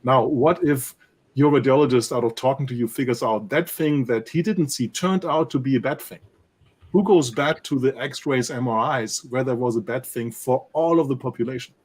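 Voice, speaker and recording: A man with a German accent speaking as an analyst guest in a panel discussion, animated and peppering his points with rhetorical tag questions. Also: medium pitch, normal speed, breathy edge. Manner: animated, rhetorical "right?" tags.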